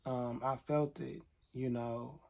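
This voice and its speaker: A man's voice: medium pitch, level tone, takes it slowly, creaky, darkish tone. A man vlogger telling an emotional storytime to camera, candid and earnest, talking straight to his viewers.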